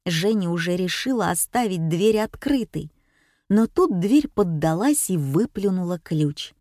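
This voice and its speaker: A woman's voice: fairly low pitch, animated, measured pace, warm tone, no room sound, clean studio sound. A woman reading a story aloud, narrating an audiobook. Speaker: audiobook reader.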